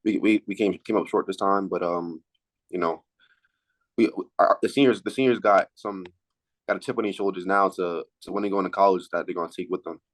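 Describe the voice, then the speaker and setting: A young man in his late teens, a high school athlete, answering casual interview questions in a halting way, repeating words as he thinks. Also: steady tone. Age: late teens, high school senior.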